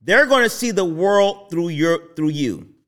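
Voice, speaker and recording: A man in his thirties hosting a faith talk show, telling personal stories in a casual, animated way with many restarts. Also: sits high, unhurried. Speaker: podcast host.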